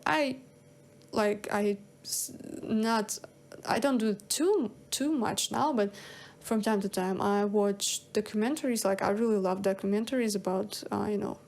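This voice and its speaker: Unhurried and medium in pitch, this young Kazakh woman's voice has a darkish tone. A singer-songwriter, she chats alone on her own show, rambling and hesitant, full of fillers and restarts.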